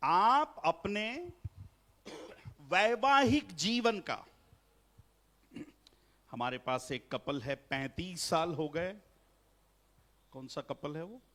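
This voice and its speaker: A man's voice: high-pitched, expressive, drawn-out words, pauses often, a bit bright. A middle-aged man preaching as a pastor at a family seminar, mixing in English phrases and joking with the congregation. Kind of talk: Hindi sermon at a family seminar. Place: church hall.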